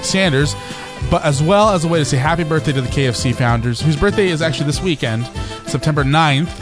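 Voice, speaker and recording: A man's voice: fairly high pitch, fast talker, over music. A man hosting a radio show, steering the talk and reading news items with a wry, joking tone. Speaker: radio host. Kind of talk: casual radio banter.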